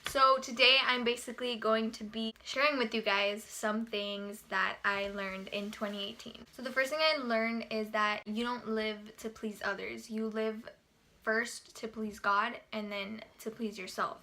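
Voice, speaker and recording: Bright-voiced chatty young woman vlogger. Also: a little high, steady tone, a little slow. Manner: earnest, chatty, heavy use of fillers like "you know" and "like". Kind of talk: casual talking-to-camera vlog.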